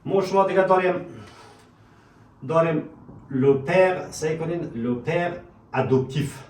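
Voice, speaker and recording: A man teaching vocabulary, repeating words slowly and calling his students dear friends, in an echoey room away from the mic. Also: a little high, darkish tone, recorded from a distance, slight background noise. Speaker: language teacher.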